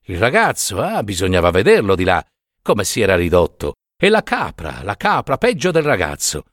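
A man reading a story aloud with expressive, dramatic phrasing and long pauses. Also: on the low side, no echo, studio quality. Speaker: narrator.

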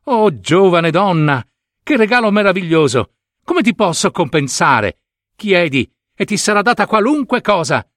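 A man's voice: medium pitch, sing-song, takes it slowly, fairly bright tone, no room sound, studio quality. A man voicing an old king in a storybook reading, with exclamatory, exuberant speech. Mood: overjoyed. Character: excited old king, overjoyed.

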